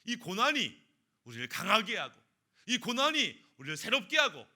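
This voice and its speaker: A man's voice: high-pitched, very animated, moderate pace, bright, forceful tone. A male pastor preaching a sermon with emphatic rhetorical questions and anecdotes.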